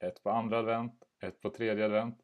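A man co-hosts a podcast in loose, casual chat. His voice sits very low, and he laughs at his own mishaps and swears offhandedly. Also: level tone. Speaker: podcast co-host.

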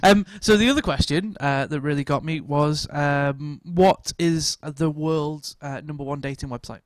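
A man with a higher-than-usual voice hosts a casual, comic podcast. He rambles jokily through his anecdotes. The sound is dry, with very little room. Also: normal speed, dry recording. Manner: rambling, jokey anecdote-telling. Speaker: podcast host.

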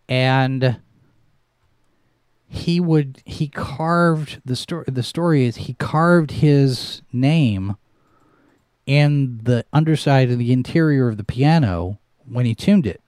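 This middle-aged male streamer has a mellow, dry, mid-range voice and a loose, rambling delivery full of restarts and fillers as he chats casually on his livestream. He wears a headset microphone with headphones, and the sound has no room reverb.

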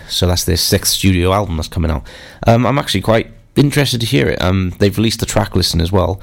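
A man's voice: deep voice, creaky. A man with a bunged-up, stuffy nose from a cold, casually presenting a rock radio show in a chatty, informal way. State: congested with a cold.

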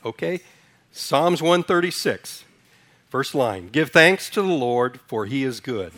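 A Sudanese pastor, very animated yet taking his time, preaches informally to a congregation. He asks them questions and then leads a responsive reading line by line, his medium-pitched voice fairly bright.

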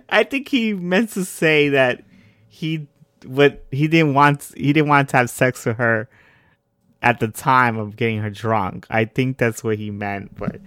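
A man's voice: medium pitch, a little slow, fairly bright tone, clean tone, no echo. Giggly man recapping a show, dry sound. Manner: giggly, laughs often while summarizing. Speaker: podcast co-host. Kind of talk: casual chat recapping a TV episode.

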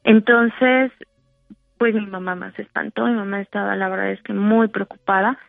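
A woman's voice: mid-range voice, fairly even intonation, normal speed, gravelly, dry recording. A woman with a Mexican accent, calling in to a radio show and telling a personal story at length, full of fillers. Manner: meandering, many fillers. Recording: dull radio broadcast, faint music.

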